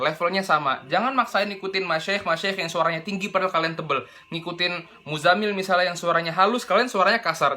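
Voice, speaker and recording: A man's voice: fairly high pitch, bright, forceful tone. A young man, teaching Quran recitation in a casual, slangy explainer style. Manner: chatty, slangy, demonstrates recitation and silly voices.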